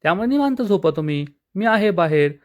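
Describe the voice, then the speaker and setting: A man voicing a flustered young husband who protests quickly and pleads, exasperated. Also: sits high, lively intonation, pitched above the performer's own voice.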